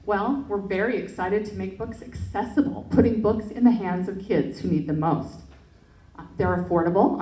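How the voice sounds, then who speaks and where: An earnest woman pitches her project in a low, mellow voice, stumbling over fillers and restarts. She is picked up from a distance in an echoey hall. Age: adult parent. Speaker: project presenter. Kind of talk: pitch presentation and Q&A. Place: event hall. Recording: echoey room, mic from far off.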